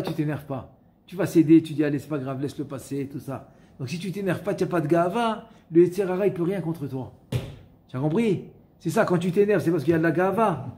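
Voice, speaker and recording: Animated rabbi, slightly high voice. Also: male voice. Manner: animated, asks the listener questions, repeats key phrases; chants verses slowly. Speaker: rabbi teaching a Torah class. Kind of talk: Torah lesson with storytelling.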